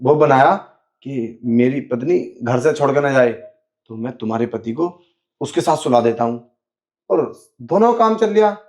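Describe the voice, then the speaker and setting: A man's voice: medium pitch, lively intonation, a little slow, a little mellow. A man in a scripted skit, playing a sleazy man who pretends to be blind, talking in a sly, wheedling way. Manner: sly, wheedling, keeps saying "you know". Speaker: actor in a short skit.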